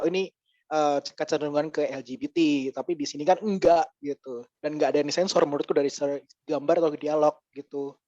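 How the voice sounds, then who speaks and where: Male guest, fairly high voice, animated and ranting, dry muffled sound. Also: no room sound. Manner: animated, ranting with quick asides. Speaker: podcast guest. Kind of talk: casual chat.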